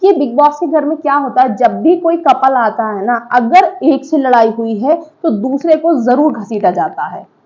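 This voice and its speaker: A woman's high, expressive voice, darkish in tone and at a moderate pace, comes through a muffled recording. Addressing reality show viewers, she offers casual yet emphatic opinions, sprinkles in English, and checks in with listeners.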